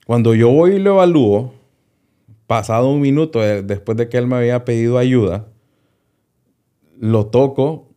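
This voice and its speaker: A man's voice: mid-range voice, dark tone. A man, a doctor, telling a personal story in an interview, hesitating and often repeating small words as he goes.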